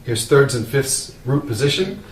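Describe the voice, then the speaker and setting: Easygoing male demonstrator, mid-pitched, explaining as he goes, some distance from the mic in a reverberant room. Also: measured pace. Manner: relaxed explaining, with fillers and restarts. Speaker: product demonstrator. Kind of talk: casual gear demonstration. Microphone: open vocal mic at a distance. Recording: roomy, distant mic, faint hum.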